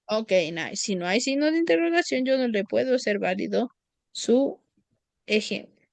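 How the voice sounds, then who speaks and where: A woman English teacher giving a lesson, speaking slowly and patiently and repeating each phrase for her students. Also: fairly high pitch, animated, vocal fry, dry recording.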